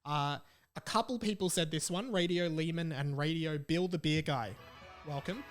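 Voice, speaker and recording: A young Australian man with a fairly high-pitched voice runs a solo podcast, speaking at a normal speed over faint background music. His manner is casual and chatty as he alternates between reading messages aloud and tossing in his own informal remarks.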